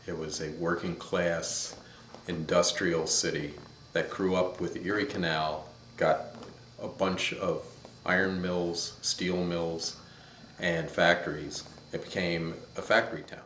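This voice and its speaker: Fifties guy from upstate ny telling childhood stories, deep voice, bit of room echo and hiss. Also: flat delivery, slow, fairly bright tone. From upstate New York, USA. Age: 50s. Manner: thoughtful, storytelling, searches for words. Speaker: interviewee. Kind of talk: reminiscing interview. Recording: echoey room.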